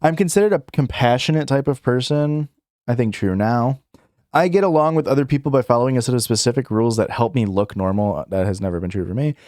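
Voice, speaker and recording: Speaking quickly in a mid-range, darkish voice, a young adult man reads questions aloud on his livestream and answers in a rambling, casual style with fillers, restarts, self-corrections and chuckles. The studio sound is clean, with no room sound.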